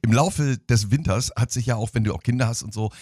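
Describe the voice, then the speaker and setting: A man on a radio show explaining tips in a relaxed, self-mocking way, laughing now and then. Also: medium pitch, quick pace, slightly rough, no room sound, clean studio sound. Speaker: radio co-host giving tips. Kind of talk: casual radio chat.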